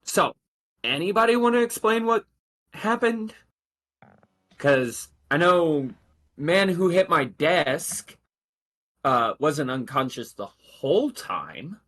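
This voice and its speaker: Man as a weary, sardonic male officer; pitched up, questioning. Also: very animated, slow pace, pauses often, fairly bright tone, exaggerated voice. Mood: skeptical. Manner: sarcastic, questioning. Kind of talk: tabletop game character voice.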